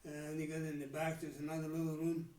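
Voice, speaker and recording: A nonagenarian from the Netherlands, speaking with a Dutch accent, shares childhood memories in a candid life-story interview, often breaking off to begin again. He has a fairly high, monotone voice with a darkish tone, recorded from a distance in a reverberant setting.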